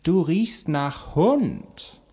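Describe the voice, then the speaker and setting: A man's voice: fairly high pitch, sing-song, extremely slow, mellow, breathy edge, pitched above the performer's own voice, exaggerated voice. A man voicing a prim, fussy male cat in a storybook, speaking sniffily and with disdain. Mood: sniffy.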